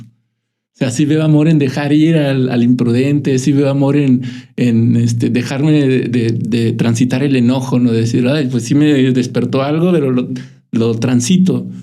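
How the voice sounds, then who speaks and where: In a mellow, mid-range voice, a male podcast host holds a casual spiritual conversation. He comes across as reflective and hesitant, often restarting his sentences.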